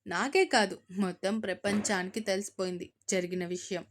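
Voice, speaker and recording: A woman's voice: mid-range voice, fairly even intonation, moderate pace, slight background noise, pitched below the performer's own voice, natural voice. A woman voicing a middle-aged male friend in an audio story, speaking in a sly, mocking way.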